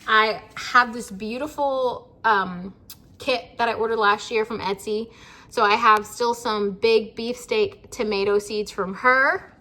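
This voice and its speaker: A chatty American woman talks casually to camera, rambling along with lots of "um" and "like". Her voice sits a little high and sounds bright and forceful. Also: steady tone, unhurried. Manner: chatty and rambling, with many fillers. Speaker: gardening vlogger.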